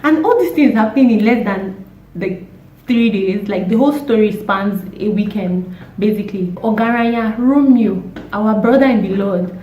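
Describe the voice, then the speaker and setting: A young woman, hoarse from a cold, chatting casually and emphatically as a vlogger with exasperated rhetorical questions. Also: mid-range voice, normal speed, lo-fi sound. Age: young adult. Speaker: YouTube vlogger. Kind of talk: casual opinionated chat. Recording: roomy echo, distant mic, faint noise.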